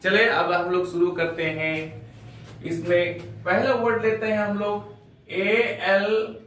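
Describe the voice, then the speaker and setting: Male teacher from India, high voice, slow and deliberate, spells out words; very echoey room, off-mic. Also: level tone, fairly bright tone, distant mic, a little hiss or hum. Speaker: English teacher. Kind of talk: Hindi-language spoken English lesson.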